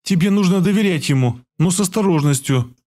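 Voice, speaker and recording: A man voicing a shy, earnest young female healer in a raised, soft voice for an audiobook. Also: lively intonation, a little fast. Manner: high, soft and pleading.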